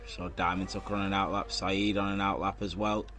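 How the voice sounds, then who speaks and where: A man's voice: low voice, flat delivery, brisk, fairly bright tone. Man calling a sim race. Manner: casual, chatty, reads out lap times and viewer comments. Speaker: race commentator. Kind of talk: live sim racing commentary.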